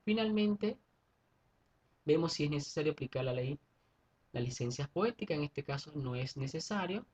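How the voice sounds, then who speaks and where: A man's voice: fairly high pitch, lively intonation, moderate pace, darkish tone, breathy edge. A man teaching a secondary school class, going through steps methodically and often checking in with his students. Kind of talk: online class explanation.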